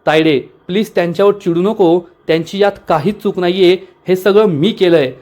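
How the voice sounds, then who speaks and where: Calm firm young man, read by the narrator, high voice, persuading. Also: a little fast, close to an everyday voice.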